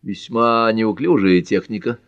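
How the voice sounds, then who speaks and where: Man doing ironic male detective, dry wit, lowish voice, muffled lo-fi. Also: unhurried, no room sound. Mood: wry. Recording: dull dry lo-fi audiobook.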